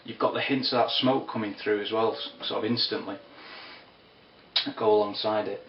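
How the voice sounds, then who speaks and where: A man giving a casual spoken whisky review, unhurried and descriptive with wry asides. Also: fairly low pitch, steady tone, slight background noise. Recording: roomy, distant, dull lo-fi sound.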